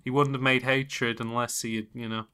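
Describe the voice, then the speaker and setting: A man with a bright, forceful voice trades jokes in a loose conversation. He rambles, trails off mid-thought and laughs at his own gags. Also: medium pitch, little pitch movement, moderate pace, clean tone. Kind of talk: casual chat.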